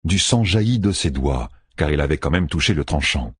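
A man narrating a fantasy audiobook in an expressive storytelling manner. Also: very deep voice, moderate pace, slightly rough, no room sound, studio quality.

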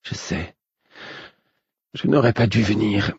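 A man reading a young woman's lines in an audiobook, soft and breathy, near a whisper. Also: on the low side, animated, slow, dry recording, highs cut off, pitched above the performer's own voice, exaggerated voice. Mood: hushed tender. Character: young woman, tender lover, hushed and sleepy. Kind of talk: audiobook character voice.

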